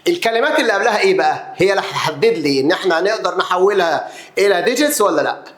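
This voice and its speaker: Lively Egyptian man teaching math. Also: high voice, rapid-fire, roomy sound. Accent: Egyptian Arabic. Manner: lively, counts aloud, answers his own questions. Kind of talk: video math lesson.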